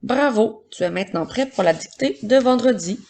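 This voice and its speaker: A woman teacher giving a slow, patient spelling and dictation lesson for young children, explaining step by step. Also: on the high side, expressive, a little mellow. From Quebec, Canada.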